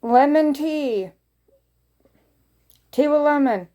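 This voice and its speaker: A woman's voice: sits high, extremely slow, dark tone. A woman vlogger chatting casually to her viewers in a rambling way, often repeating phrases for emphasis.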